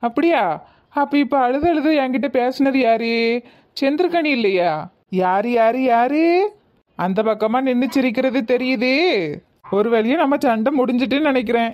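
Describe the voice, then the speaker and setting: An actor voicing a young village husband, speaking in a teasing, familiar way. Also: male voice, very high-pitched, moderate pace, long pauses. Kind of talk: cartoon voice acting. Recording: dull lo-fi audio.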